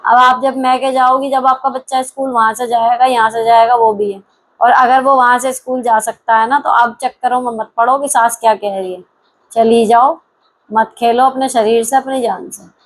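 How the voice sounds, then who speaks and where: A middle-aged woman with a voice a little on the high side, talking through viewer comments like a host. She gives advice in a frank, no-nonsense way, talking straight to the listener and slipping English words into her sentences. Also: steady tone, normal speed, poor audio. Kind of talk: casual advice chat.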